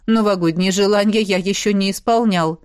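Woman doing a calm, reserved swordsman god. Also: normal speed, clean tone, no room sound, studio quality, natural voice. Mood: wry. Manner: calm, evasive, low-key. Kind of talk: audiobook character voice.

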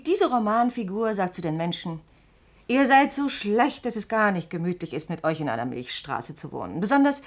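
This mid-range female voice belongs to an actress in a sci-fi radio drama. She plays a radio reporter who is skeptical and sharp-tongued, with a quick, sardonic, confrontational delivery.

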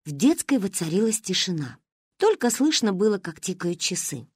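A woman narrating an audiobook in a lively, expressive storytelling manner. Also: mid-range voice, moderate pace, breathy edge, no echo, clean studio sound.

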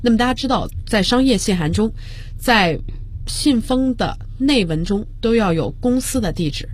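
A woman teaching business English on a radio lesson, explaining slowly and spelling words out letter by letter. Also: fairly high pitch, animated, breathy edge. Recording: broadcast studio.

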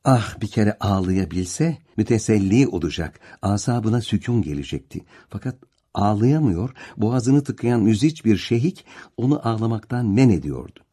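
A man's voice: lowish voice, lively intonation, normal speed, dark tone, husky. A man narrating a novel as an audiobook, with a dramatic, varied delivery. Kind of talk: expressive literary narration.

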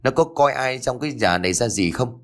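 A man's voice: medium pitch, animated, brisk, pitched above the performer's own voice, close to an everyday voice. A man voicing a stern, angry older stepfather who bellows and scolds. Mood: bitter.

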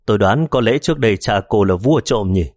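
A male narrator voicing a cocky young gangster turned policeman who talks calmly and teasingly. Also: lowish voice, brisk, no room sound, studio quality.

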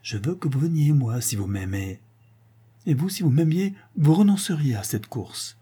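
Male reader as a sly dandy seducer, smug, raised pitch, dark husky voice. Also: animated, normal speed.

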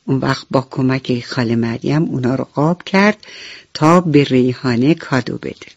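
A woman telling a bedtime story on radio, talking gently and addressing the children directly. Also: extremely low pitch, husky, no room sound. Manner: gentle, talks warmly to children. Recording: dull radio recording with faint music.

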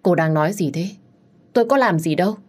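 A woman's voice: fairly low pitch, moderate pace, a little mellow, husky. A woman voicing an anxious, deferential housemaid who pleads and defends herself. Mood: alarmed.

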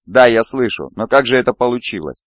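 A man's voice: mid-range voice, lively intonation, fairly quick, no echo, muffled recording, close to an everyday voice. A man voicing a jovial male lawyer making chatty asides.

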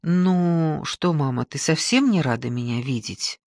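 An audiobook narrator voices a pushy middle-aged man with an easy, smooth-talking charm. His voice dips lower when he coaxes and wheedles. The read is dry and close to the mic. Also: measured pace, darkish tone, dry recording, close to an everyday voice. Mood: breezy. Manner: breezy, wheedling, then pleading. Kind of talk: audiobook reading.

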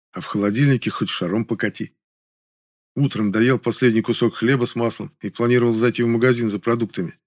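A man calmly narrating an audiobook in the first person, in a measured way. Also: fairly low pitch, no echo, clean studio sound.

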